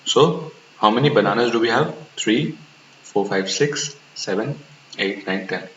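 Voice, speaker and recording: A man with a fairly low voice lectures in a classroom style, asking himself rhetorical questions and repeating key points. The recording is dull and lo-fi with a faint hiss, and the room echoes. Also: animated, unhurried, fairly bright tone. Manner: explains step by step with rhetorical questions and repetition. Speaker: instructor.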